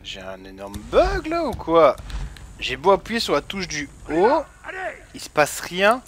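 A man's voice: a little high, wildly swooping pitch, measured pace, a bit bright, slight background noise. A man commenting casually on his video game, thinking aloud in colloquial language. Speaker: let's play gamer.

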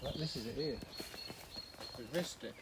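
A man making quiet, low-key remarks as he walks outdoors. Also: drawn-out words, far from the mic, noisy background. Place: outdoors on a walk.

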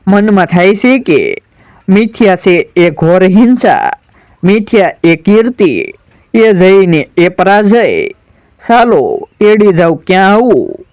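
A solemn, declamatory warrior son pleads with sorrow, as a man storyteller recites him. The voice sits high and moves slowly, smooth and clear. It sounds dry and close, with no room around it. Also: very animated, a little mellow, no echo, exaggerated voice. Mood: yearning. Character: grieving proud warrior son, adult man.

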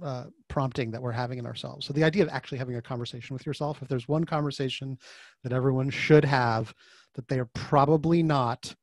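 At a quick pace and medium pitch, an author and design facilitator talks as a podcast guest over a video call. Casual and animated in the conversational interview, he imitates the voices in the stories he tells. The recording is dry.

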